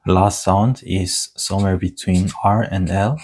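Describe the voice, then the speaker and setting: A man with Korean as his first language, teaching an online lesson in a slow, deliberate explaining manner, spelling out letter sounds. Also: sits low, steady tone, a little mellow, husky.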